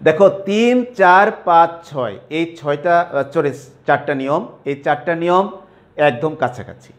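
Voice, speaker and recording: In a lecture, a man with a fairly high-pitched voice teaches students pronunciation rules. He repeats example words slowly and often checks whether they're following.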